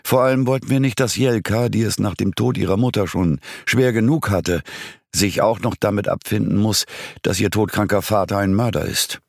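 A man's voice: on the low side, normal speed, gravelly, no echo, studio quality, voice pushed up. A man voicing an eager young police assistant explaining a case in an audiobook.

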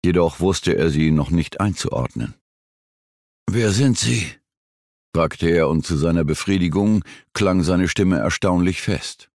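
A very low, gravelly, darkish male voice narrates a suspense story from a script, measured and building tension. The audiobook sound is dry and close, free of room echo.

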